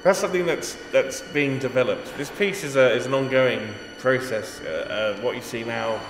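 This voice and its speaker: A man with an English accent speaks in a mid-range voice at normal speed, a composer giving a casual interview. He comes across as thoughtful and self-deprecating, often restarting his sentences. The recording is from an echoey gallery hall, with music playing behind him.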